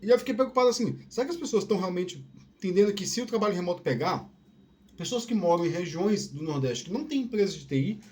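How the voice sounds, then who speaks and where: A podcast host with Piauí family roots speaks with a softened Northeastern Brazilian accent in a high-pitched, expressive voice at a quick pace. His loose, casual solo monologue rambles, with frequent restarts and sentences tagged with checking questions like "né?"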